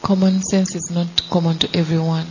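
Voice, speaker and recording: A man interpreting a sermon phrase by phrase, answering with quick amens. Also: high-pitched, husky. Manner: quick, flat, echoes each phrase. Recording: dull lo-fi sound.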